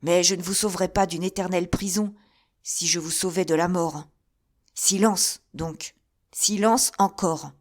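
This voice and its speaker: A woman reads a commanding musketeer captain in a classic adventure audiobook, raising her voice into a louder, higher urgency. He talks in pressing, clipped orders, with no hurry in the overall pace. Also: steady tone, measured pace. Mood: hushed warning. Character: bold Gascon musketeer captain, middle-aged man. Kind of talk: audiobook character reading.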